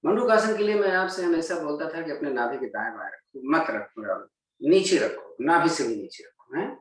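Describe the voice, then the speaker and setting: A man's voice: fairly high pitch, lively intonation, normal speed. A man teaching a yoga class, talking students through each pose step by step. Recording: very echoey room, mic at a distance.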